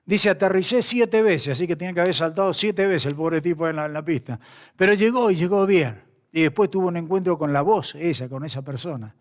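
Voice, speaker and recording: A man with a notably high voice preaches in a church, pleading with his listeners. He slows down sharply to press home his key words. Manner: impassioned, pleading, slows for emphasis; retells a story with quoted dialogue. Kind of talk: sermon.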